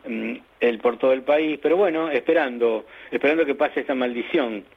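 A man's voice: mid-range voice, normal speed, husky, phone-quality sound. A man with an Argentine accent, a journalism teacher and author, explaining his views in an interview with emphatic, hesitant speech. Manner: didactic, emphatic, with hesitant restarts. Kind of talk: interview over the radio.

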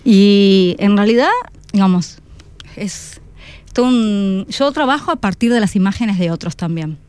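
A woman, a teacher and book designer, talking as a guest in a radio interview, pausing often to find her words. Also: mid-range voice, a little mellow, clean tone. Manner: thoughtful, searching for words with pauses.

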